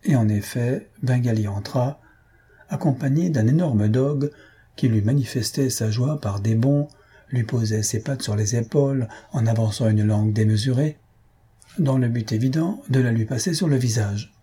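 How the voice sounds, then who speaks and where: A man narrates a comic novel in a steady, measured way. His voice is deeply husky, with a dark, mellow tone at an ordinary pitch. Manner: measured storytelling. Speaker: audiobook narrator.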